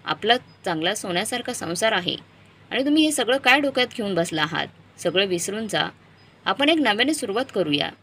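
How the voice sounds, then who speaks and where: A woman's voice: mid-range voice, animated, brisk, fairly bright tone. A woman voicing an upset middle-aged wife and mother who pleads with and confronts her husband. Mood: upset pleading.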